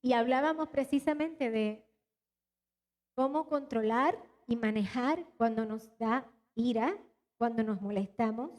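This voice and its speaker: A high-voiced woman pastor from Puerto Rico speaks animatedly and directly to her congregation, a little slowly and with frequent pauses. The setting is a church hall during a live sermon and announcements, and she has a mixed Latin American Spanish accent with a little Puerto Rican in it.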